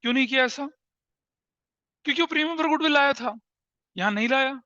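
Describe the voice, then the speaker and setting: At normal speed and an extremely high pitch with a sharp tone, a man with an Indian accent lectures on accountancy in a classroom, explaining step by step. He asks rhetorical questions and mixes in English terms, and the recording is dry and lo-fi.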